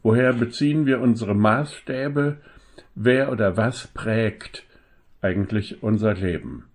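A man preaching a sermon, speaking slowly and with emphasis and asking the listeners rhetorical questions. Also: fairly low pitch.

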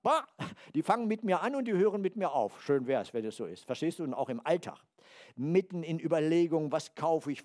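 Animated older German-speaking man preaching. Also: on the high side. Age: 70s. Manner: lively, animated preaching with acted-out quotes and sudden drops to quiet asides. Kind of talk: sermon.

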